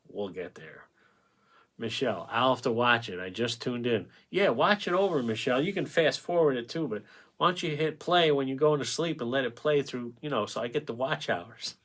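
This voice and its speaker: A man hosting a painting livestream in casual chat. He rambles, answers the chat aloud and thanks viewers by name, and his voice is going a bit hoarse from talking so long. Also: mid-range voice, a bit bright. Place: home painting setup with ring light.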